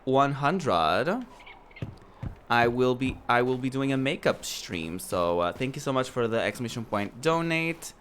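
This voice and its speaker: Streamer talking through a voice changer. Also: male voice, medium pitch, animated, unhurried, a bit bright, a little hiss or hum. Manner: chatty, campy, playful. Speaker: game streamer. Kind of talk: casual live-stream commentary.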